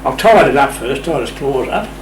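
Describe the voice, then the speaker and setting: An older Australian man, a guest in an interview, tells a casual anecdote in a wry, playful, understated way, his medium-pitched voice expressive at a normal speed. The recording comes from a radio shack room, with a distant mic, a roomy sound and clear background noise.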